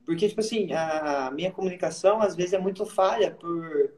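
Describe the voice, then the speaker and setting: Casting: man with a notably high voice, halting casual speech. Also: a little mellow. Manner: hesitant, restarts, casual fillers. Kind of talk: casual conversation.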